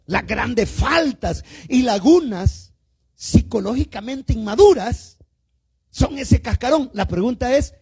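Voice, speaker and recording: A man's voice: extremely high pitch, animated, husky. A male pastor with a Salvadoran Spanish accent preaching a sermon, asking the congregation questions and calling them "hermano", stretching out words for emphasis. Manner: drawn-out emphatic words, swinging between loud and quiet. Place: church service.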